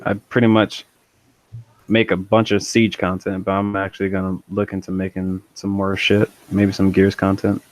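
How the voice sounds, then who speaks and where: A young man with a low voice joins a gaming podcast as a guest, talking in a relaxed and casual way. His voice sounds close and dry, with no room around it. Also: moderate pace, no echo.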